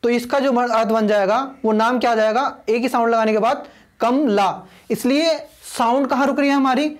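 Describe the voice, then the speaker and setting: A man's voice: very high-pitched, fairly even intonation, moderate pace. A man teaching a video lesson, explaining patiently and repeating himself, spelling names out letter by letter.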